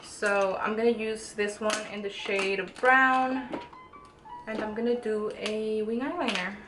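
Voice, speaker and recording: This woman's mid-range voice is steady and a little slow. She's a beauty vlogger in her early twenties, casually talking through a makeup tutorial and thinking aloud as she works. Background music plays in a roomy, echoing space.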